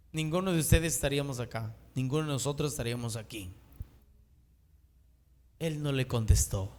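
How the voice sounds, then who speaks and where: A male preacher with a high voice delivers a sermon in a church hall where his words ring out with a long reverb. He preaches emphatically, swinging between loud exhortation and hushed, low asides.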